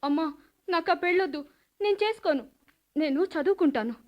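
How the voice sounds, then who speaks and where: An actress playing a distressed young daughter who pleads against an arranged marriage, in a radio drama. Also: female voice, very high voice, animated, fairly quick, muffled recording, a little hiss or hum. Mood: distressed pleading. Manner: pleading, upset.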